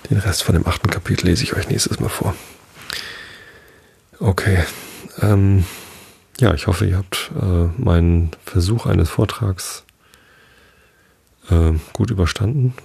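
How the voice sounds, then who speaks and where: A man's voice: deep voice, unhurried, vocal fry, pauses often, a little mellow, breathy edge. A man hosting a podcast, reading a story to help listeners sleep and then chatting hesitantly. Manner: hesitant with fillers in his own talk. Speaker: podcast host reading aloud. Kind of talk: bedtime story reading, then casual chat.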